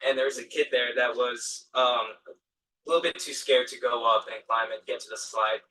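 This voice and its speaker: A teenage boy telling a meeting about his program, pausing often with "um" and restarting his sentences. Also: medium pitch, fairly even intonation, noisy background. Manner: hesitant, many "um"s and restarts. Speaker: student presenter. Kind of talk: casual speech at a meeting. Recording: distant room mic.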